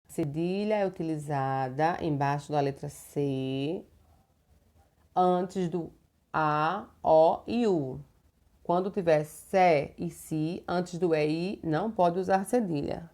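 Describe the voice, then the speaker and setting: Patient Brazilian woman teacher, lower voice. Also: darkish tone. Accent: Brazilian Portuguese. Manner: slow, patient and didactic, stretching words out; uses many diminutives and checking tags. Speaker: primary school teacher. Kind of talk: recorded homework lesson for young children.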